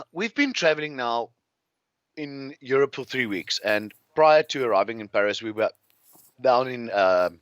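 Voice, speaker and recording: A man's voice: mid-range voice, lively intonation, a little slow, no room sound, muffled recording. A man with a South African accent, a guest telling rambling, restless travel anecdotes in a casual interview. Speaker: guest, farmer.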